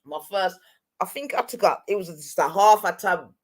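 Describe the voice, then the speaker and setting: Speaking at a moderate pace with an expressive, medium-pitched voice, a middle-aged storyteller chats casually in London roadman slang and accent. Tag questions keep popping up as he checks in with the listener.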